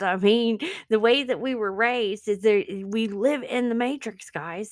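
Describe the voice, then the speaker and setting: This podcast host and spiritual business coach is a woman whose first language isn't English, speaking in a mid-range voice. Her studio-quality recording has no room sound, and she talks to listeners directly in an earnest, conversational spiritual self-help teaching.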